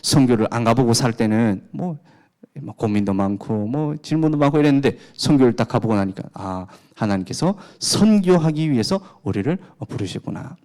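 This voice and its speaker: Pastor preaching with rhetorical questions. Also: male voice, mid-range voice, lively intonation, moderate pace, mellow. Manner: rhetorical questions with emphatic rises; chatty, jokes about his home life. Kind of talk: sermon.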